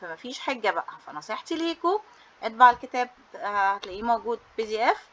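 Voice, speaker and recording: A woman's voice: mid-range voice, big pitch swings, racing, a bit bright, highs cut off. A woman English teacher with an Egyptian Arabic accent, reviewing a study booklet for pupils in a cheerful, coaxing way, dropping English terms into her Arabic. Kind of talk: book review for students.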